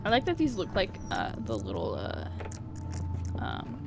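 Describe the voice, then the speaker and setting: A woman's voice: low voice, huge pitch swings, a little slow, gravelly, over music. A young woman giving casual, joking commentary on a horror game she is playing, talking back at the game. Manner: chatty, joking, talks to the game. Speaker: gaming streamer. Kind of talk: casual let's-play commentary.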